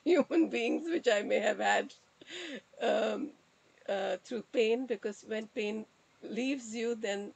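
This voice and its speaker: A woman's voice: mid-range voice, creaky, low-quality recording. A woman sharing a personal reflection in a group circle, earnest and hesitant, with fillers and repeated words. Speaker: circle participant.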